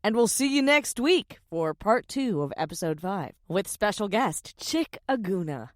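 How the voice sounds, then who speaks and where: A woman's voice: medium pitch, very animated, a little slow, no room sound. Upbeat lady host wrapping up the pod, voice bouncing around, dry close sound. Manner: upbeat, playful. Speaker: podcast host. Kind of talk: episode outro.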